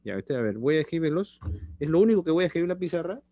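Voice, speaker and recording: Over a video call from a small indoor room, a middle-aged man teaches a chemistry class online, repeating phrases and checking in on his students. His voice is fairly high, sing-song, very fast and dark in tone. The laptop webcam recording is dry and lo-fi.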